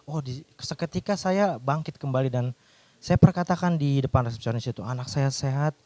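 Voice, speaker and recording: A man's voice: medium pitch, fairly quick, darkish tone, no room sound. A man, a doctor, telling a personal faith testimony in an earnest storytelling way, with restarts.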